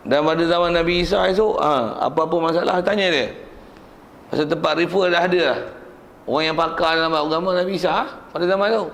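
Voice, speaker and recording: Man, Malaysian Malay accent, religious lecture, gravelly, asks and answers himself. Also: a little high, brisk, a bit bright. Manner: conversational, asks and answers his own questions; jokes with the class. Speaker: religious teacher.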